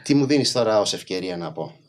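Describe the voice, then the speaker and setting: Male podcast guest, mainland Greek accent, lowish voice with very lively swings, emphatic conversational storyteller. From Greece. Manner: animated, emphatic, acts out quoted speech.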